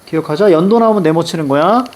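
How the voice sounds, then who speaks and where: A man's voice: a little high, quick pace, reverberant. A man teaching a reading lesson for exams, walking students through a passage and prompting them with questions. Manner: lively, repeats "자" constantly, prompts students with questions.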